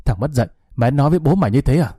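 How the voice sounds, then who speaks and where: A harsh, domineering middle-aged father barking scoldings at his grown son in a storybook reading, as the narrator puts him on. The voice is dark and mellow, recorded dry and close, with faint music underneath. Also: mid-range voice, rapid-fire, no room sound, close to an everyday voice. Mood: furious.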